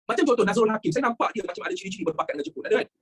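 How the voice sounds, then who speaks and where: A young male teacher with a Malaysian Malay accent, giving an animated history lesson to his students, slipping in English phrases and acting out quotes. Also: high voice, rapid-fire, a little hiss or hum.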